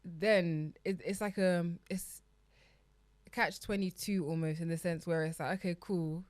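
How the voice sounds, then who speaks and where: A woman's voice: lowish voice, fairly even intonation, a little slow, darkish tone, dry recording. A young woman talking casually on a podcast, chatty and full of fillers, laughing often. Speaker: podcast guest.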